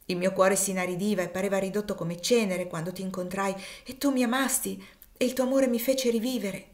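A woman reads out a young man on the run, his grief turning to defiance as his words climb into emphatic outbursts. The voice sits at an ordinary middle pitch for a woman, told in the manner of a storybook audiobook. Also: fairly even intonation, fairly quick, close to an everyday voice. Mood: impassioned. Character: impassioned young male fugitive, grieving and defiant.

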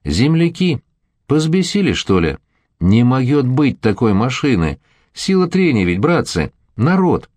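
A man's voice: deep voice, big pitch swings, moderate pace, no echo. A man voicing desperate old miller Vyrin. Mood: pleading loudly. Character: desperate old male miller, former master.

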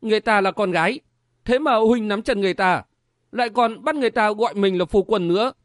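A woman's voice: mid-range voice, brisk, no echo, clean studio sound, voice pushed up, lightly acted. A man voicing a bashful young woman in a martial-arts romance audiobook, speaking in a coy, pleading tone. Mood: tearful pleading. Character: young shy lovestruck woman, bashful and teasing.

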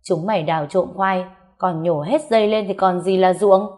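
A woman's voice: on the low side, normal speed, natural voice. A woman voicing stern village farmers who catch and scold a little girl in a storybook reading. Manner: scolding, loud. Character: gruff village farmers, stern adult men.

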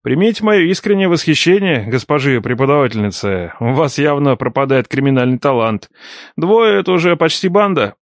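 A man's voice: mid-range voice, animated, brisk, no echo, studio quality, lightly acted. A man voicing a cocky young former student who teases his teachers with sarcastic banter, in an audiobook. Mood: mocking. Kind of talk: audiobook character dialogue.

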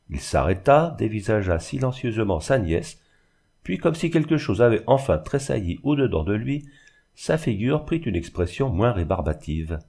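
Guy narrating an old novel, lowish dark voice, lots of pitch movement. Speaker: audiobook reader.

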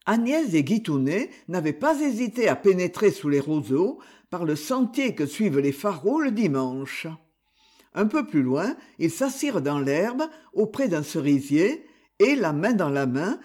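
A man reads a classic novel aloud in a measured audiobook narration. His voice sits high with a lively, melodic pitch, and he takes an unhurried pace. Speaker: audiobook reader.

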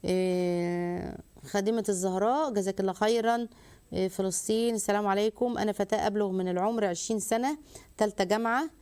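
A woman hosting a call-in advice show, lecturing briskly and acting out bits of dialogue. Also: mid-range voice, darkish tone, clear, resonant tone.

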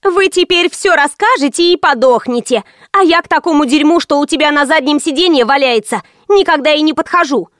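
Lady reader doing a gossipy hairdresser woman, mouthy and quick, higher pitched. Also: a bit bright, no echo, studio quality. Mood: scornful. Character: brash gossipy female hairdresser, sharp-tongued.

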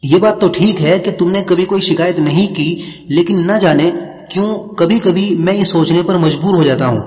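A man's voice: high-pitched, darkish tone, close to an everyday voice. A man voicing a troubled, lovesick young husband who speaks in a hesitant way. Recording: dull lo-fi with long reverb.

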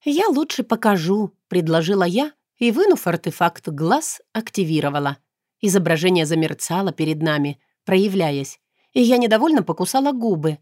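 A woman narrating a first-person audiobook in a smooth, even storytelling manner. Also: on the low side, moderate pace, no room sound, clean studio sound.

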